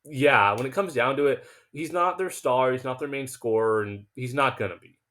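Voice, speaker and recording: A man with a mid-range voice, speaking at a moderate pace, hosts a sports betting picks video. His casual monologue is emphatic, confident and self-assured, though he stumbles over words and restarts when he gets excited.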